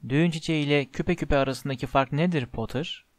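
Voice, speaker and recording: A man voicing a cold, sneering middle-aged potions master in an audiobook, speaking in a low, quiet, contemptuous drawl. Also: fast, dry recording, studio quality, close to an everyday voice. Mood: mocking. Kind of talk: audiobook character reading.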